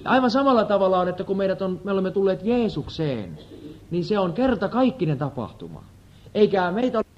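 A man preaching a sermon in a prayer house, swinging between soft, low stretches and louder emphatic ones, and acting out the voices in his stories. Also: big pitch swings. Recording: dull lo-fi recording.

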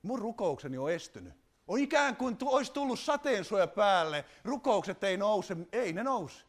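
A man preaching a sermon, animated, putting rhetorical questions to his congregation. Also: high-pitched.

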